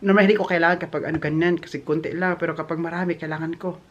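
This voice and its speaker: A woman's voice: lowish voice, steady tone, racing, highs cut off, a little hiss or hum. A woman from the Philippines chatting casually to her viewers in a home vlog, often laughing and dropping English words into her talk. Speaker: vlogger. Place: home in Germany, indoors and outdoors.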